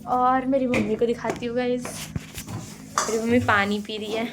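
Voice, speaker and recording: A woman's voice: on the high side, flat delivery, normal speed, background noise. Chatty young woman giving a home tour. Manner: chatty, playful, addressing viewers as guys. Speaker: vlogger. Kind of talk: casual home tour vlog. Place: family house, indoors and courtyard. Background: family members talking around her.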